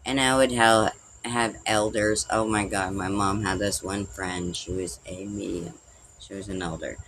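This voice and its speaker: A man's voice: fairly low pitch, fairly even intonation, a little slow, fairly bright tone, a little hiss or hum, poor audio. A man on a livestream shares a personal story in a casual, rambling way. He swears freely and keeps filling gaps with "like" and "you know." Faint crickets and insects chirp behind him. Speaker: livestream host.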